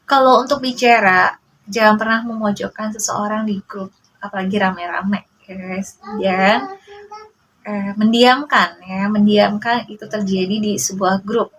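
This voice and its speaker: A woman in her forties, a mother speaking in a casual to-camera monologue, emotional and halting, often addressing her listeners directly, indignant and protective. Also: mid-range voice, fairly even intonation, fairly bright tone, slight background noise, low-quality recording. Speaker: mother sharing a personal story.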